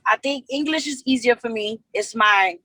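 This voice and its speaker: The sound is clean studio audio with no room sound as a young woman rapper from New York speaks in a high-leaning voice at a moderate pace. She's a guest in a casual interview chat, telling her stories earnestly and animatedly, with lots of restarts along the way.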